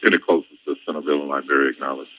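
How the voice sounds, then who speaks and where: Deep, fast male dispatcher on police radio. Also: fairly even intonation, no room sound. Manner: brisk dispatch call-outs. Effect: police radio transmission. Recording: muffled archived radio call.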